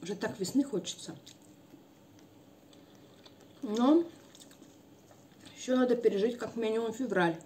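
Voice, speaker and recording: A woman with a Russian accent, a mukbang vlogger chatting softly at home with her mouth full of rice. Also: on the high side, unhurried, long pauses, slight background noise. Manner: soft, chatty, musing aloud. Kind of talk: casual chat while eating.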